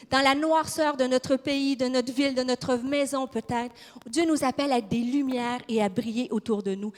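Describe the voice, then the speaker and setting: Fiery Québécois woman preaching, high voice. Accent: Québécois French. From Quebec. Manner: fiery, emphatic, questions the audience. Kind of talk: sermon. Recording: long reverb of a large hall.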